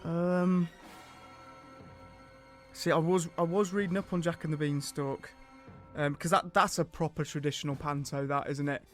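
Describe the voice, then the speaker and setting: A male radio host with a notably high voice chats casually through a quiz. He is self-deprecating and hesitant, with light music playing beneath him. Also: steady tone, normal speed, pauses often.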